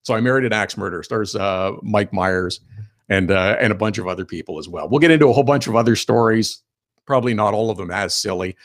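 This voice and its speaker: A man's voice: lowish voice, fast. Chatty opinionated male hockey radio host. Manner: chatty, opinionated, laughs while telling stories. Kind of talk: casual hockey radio talk.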